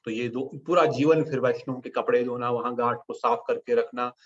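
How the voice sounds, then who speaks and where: A man giving a devotional sermon, telling stories in an animated way and slipping English phrases into his talk. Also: medium pitch, moderate pace. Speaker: preacher. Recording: dull lo-fi recording.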